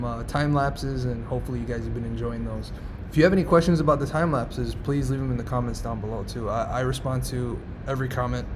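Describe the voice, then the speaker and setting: A man hosting a casual step-by-step tutorial, his voice echoing in a studio room. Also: mid-range voice. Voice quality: echoey sound from the room. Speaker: tutorial host. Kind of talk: casual screen tutorial walk-through. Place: echoey studio indoors. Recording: echoey studio room, clearly noisy background.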